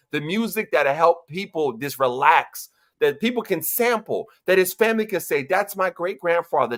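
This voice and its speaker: A man's voice: on the high side, fairly bright tone. A man with a New York accent hosting a casual livestream panel, talking in an emphatic, motivational way and repeating his points for effect. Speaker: host. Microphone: video call.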